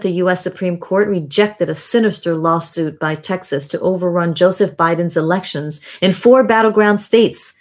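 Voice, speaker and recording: A woman with a somewhat low voice speaks as a podcast host. She delivers a scripted monologue in a measured, deliberate manner, leaving reflective pauses between phrases. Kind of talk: scripted narration, year-in-review monologue.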